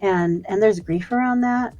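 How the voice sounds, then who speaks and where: A soft-spoken middle-aged woman, a psychic medium guest, telling personal stories casually and acting out the conversations she recalls. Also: mid-range voice, measured pace, dull audio. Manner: soft-spoken, re-enacts conversations, many fillers. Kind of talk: casual storytelling interview.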